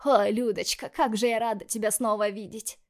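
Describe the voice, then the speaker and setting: A woman voicing a warm, doting elderly grandmother in an audiobook, with gushing, drawn-out exclamations. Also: on the high side, natural voice. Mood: tender. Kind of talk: audiobook character voice.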